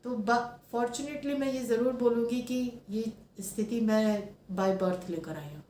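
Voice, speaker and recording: A woman's voice: on the high side, normal speed, mellow, echoey room, a little hiss or hum. A woman in her thirties giving an earnest, reflective personal talk as a spiritual speaker, slipping English phrases into her speech.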